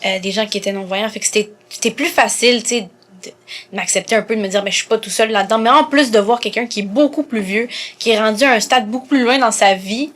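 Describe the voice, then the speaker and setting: A woman in her twenties from Montreal with a Quebec French accent, a guest in an interview, soft-spoken with many fillers, often trailing off quietly. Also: medium pitch. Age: 20s.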